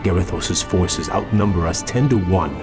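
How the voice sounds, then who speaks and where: An actor playing a proud, burdened elf prince in a fantasy video game, speaking formally and solemnly. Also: male voice, deep voice, a little slow, music in the background. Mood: composed, formal. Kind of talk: dramatic video game acting.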